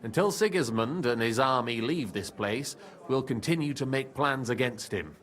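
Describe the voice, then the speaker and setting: An actor playing a scheming male guild leader in a medieval video game, measured and confident. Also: medium pitch, natural voice. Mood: calm.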